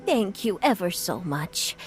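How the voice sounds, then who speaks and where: A woman voicing a gentle, grateful elderly grandmother in a video game, speaking earnestly and without hurry. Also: lowish voice, big pitch swings, a little slow, soft background music. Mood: grateful, kindly. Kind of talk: English game voice acting.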